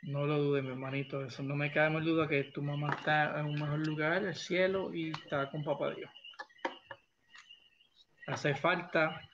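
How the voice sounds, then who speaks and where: A man's voice: a little high, level tone, moderate pace, background noise. A man hosting a live drawing stream, affectionate and encouraging, reading chat messages aloud, with dull lo-fi audio. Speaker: host of a live drawing show.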